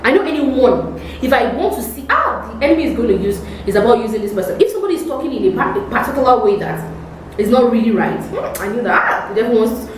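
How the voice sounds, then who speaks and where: Nigerian lady chatting and telling church stories, expressive and emphatic, super echoey room, bit far from mic. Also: on the high side, fast talker. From Ibadan, Nigeria. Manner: expressive, acts out dialogue, emphatic repetition. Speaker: vlogger. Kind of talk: casual personal storytelling with religious testimony. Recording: very echoey room, distant mic, faint noise.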